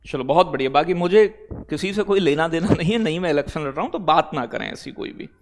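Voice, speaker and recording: Male exam-prep teacher with a slightly high voice, casual and blunt, keeps asking the class if they follow. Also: expressive, fast, a little hiss or hum. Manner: addresses students as beta and bhai, repeats "theek hai bhai?"; digresses into blunt talk, then back to teaching. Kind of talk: live online class, chatty lecture.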